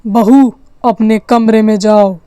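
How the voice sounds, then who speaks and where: A woman voicing a stern middle-aged father in a doll story, with a slow, commanding manner. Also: a little high, steady tone, dark tone, smooth, no echo.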